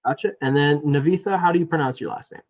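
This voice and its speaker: With a fairly high voice and a fast delivery, a young student elections director moderates a debate over a video call. He begins apologetic and chatty, leaning on fillers, and then shifts to reading the rules formally for the live virtual debate.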